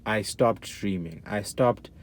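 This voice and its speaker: A young man talking candidly about his faith, earnest and halting, with many restarts and casual slang. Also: lowish voice, slight background noise. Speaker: guest sharing testimony.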